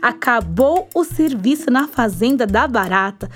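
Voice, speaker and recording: A woman telling a children's story, lively and speaking directly to her listeners. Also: a little high, measured pace, soft background music.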